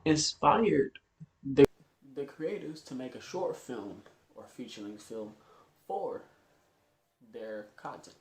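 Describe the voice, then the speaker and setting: Speaking slowly and pausing often, this man hosts an online video like a relaxed explainer, his medium-pitched voice expressive, informal and occasionally tripping over words. Music plays behind him in an echoey room.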